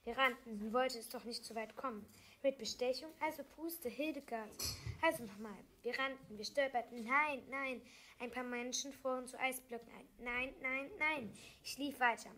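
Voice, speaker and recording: A woman reading aloud a self-written fantasy story, halting, with small slips and restarts. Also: on the high side, fairly bright tone, a little hiss or hum.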